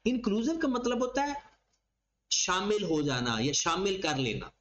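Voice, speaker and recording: A man's voice: high voice, lively intonation, a little slow, a bit bright, slight background noise, poor audio. A man giving a classroom lecture, explaining each point by asking a question and then answering it himself. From Pakistan. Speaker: accounting lecturer.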